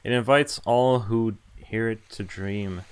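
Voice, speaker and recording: With the game's background music playing, a man casually reads a visual novel aloud to his stream, frequently tripping over lines and fixing them while chatting on the side. His fairly low, smooth voice is evenly intoned and slow, and the audio is poor.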